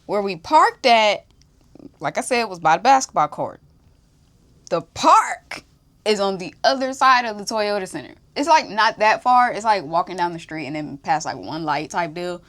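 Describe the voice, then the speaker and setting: Young woman from Houston, podcast host; animated, slangy, cussing storyteller with a mid-range voice. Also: medium pitch, normal speed. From Houston, Texas. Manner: animated, slangy, profane, laughs often. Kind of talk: casual storytime.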